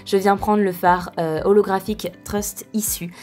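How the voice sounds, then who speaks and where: A woman's voice: medium pitch, level tone, moderate pace, a little mellow. Young female beauty vlogger, casual and chatty voice-over, often corrects herself, faint music underneath. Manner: chatty, with frequent fillers and self-corrections. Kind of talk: casual makeup tutorial voice-over.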